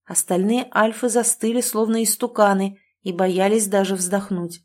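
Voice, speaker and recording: A woman narrating a novel in the first person with an even, measured reading. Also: medium pitch. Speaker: audiobook narrator.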